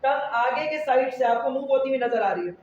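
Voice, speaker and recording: A man teaches biology in a classroom and keeps firing questions back at his students. His fairly high voice sounds dull and lo-fi. It is picked up from a distance in a very echoey room, with faint noise underneath. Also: a little fast. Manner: quizzes students with repeated questions. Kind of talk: classroom lecture. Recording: echoey lo-fi room recording from afar.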